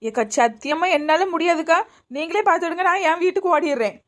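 A high, quick voice plays a put-upon young woman in a cartoon, acted by a woman. She grumbles and complains at a fast clip in a Kanyakumari Tamil accent. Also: expressive. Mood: grumbling. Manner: complaining, whiny. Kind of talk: cartoon voice acting.

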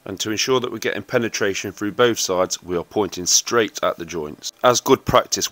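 In a low voice, a man narrates a welding tutorial, speaking directly to viewers with steady, instructive delivery.

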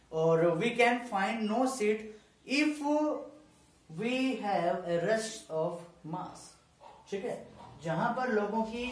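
Guy teaching grammar real slow, spells out example sentences bit by bit, sounds far off in a very echoey room. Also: sits high. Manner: slow and deliberate, dictating example sentences word by word and checking with "ठीक है". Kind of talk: explaining grammar in a lesson. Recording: echoey room, far from the mic, faint ambient noise.

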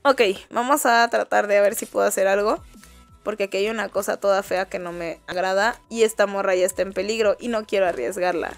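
A young woman with a Mexican accent giving excitable live-stream commentary while she plays a game, swearing casually and talking to the characters on screen. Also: medium pitch, fairly quick, faint music behind. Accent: Mexican Spanish. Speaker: gaming streamer.

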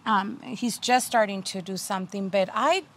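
A garden video host in her thirties shows off her home garden outdoors in a relaxed, talkative way with plenty of fillers and restarts. She speaks at normal speed in a medium-pitched, fairly bright voice.

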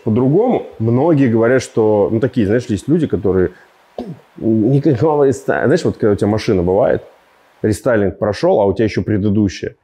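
Joking man reviewing a car. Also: fairly low pitch. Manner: joking, rambling, animated with gestures.

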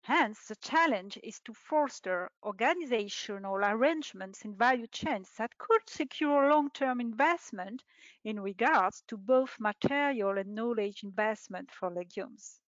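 A middle-aged woman, a researcher, reading a prepared presentation in a measured, formal way over a video call. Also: on the high side, expressive, no echo. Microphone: video call webcam. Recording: dull lo-fi webinar audio.

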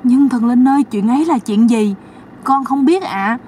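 Woman playing a clueless sister-in-law, squeaky and whiny, faint noise behind. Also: moderate pace, dark tone, lightly acted. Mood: pleading. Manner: high, whiny, flustered. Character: naive pretty woman, easily flustered. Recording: distant mic, faint background noise.

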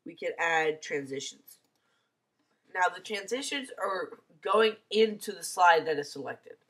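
Over a computer mic, a teenager with a cold-clogged nose hesitantly reviews software in a casual screencast, dropping plenty of ums. The voice is mid-range with a fairly bright tone.

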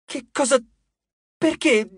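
A man's voice: high-pitched, lively intonation, moderate pace, a bit bright, breathy edge, no room sound, pitched above the performer's own voice, exaggerated voice. Man playing earnest, desperate young demigod, raised pleading voice, dry close read. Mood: alarmed. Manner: urgent, pleading. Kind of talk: audiobook character reading.

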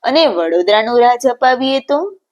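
A woman voicing a calm, kindly male holy master in a narrated devotional story, read in a gentle, grave way. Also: a little high, moderate pace, pitched above the performer's own voice, natural voice.

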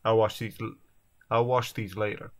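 A man's voice: fairly low pitch, little pitch movement, moderate pace, lightly acted. A man voicing a weary male raccoon detective in a video game, with a slight put-on southern drawl and a dry, self-mocking, laid-back manner.

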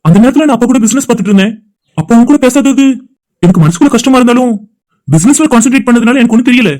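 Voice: mid-range voice, lively intonation, rapid-fire, a little mellow, lightly acted. [name], a voice actor playing an anxious young man. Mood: distressed. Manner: pleading, emotional storytelling. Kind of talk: cartoon voice acting.

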